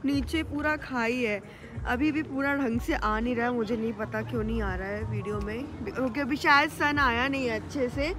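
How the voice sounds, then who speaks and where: A chatty woman from India talks straight to her viewers while filming on a handheld phone outdoors at a windy camp. Her voice sits high and she keeps the tone casual and friendly. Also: moderate pace, music in the background. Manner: chatty, addresses viewers as guys. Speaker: vlogger. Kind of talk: casual travel vlog chat. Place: outdoors at a desert camp at night.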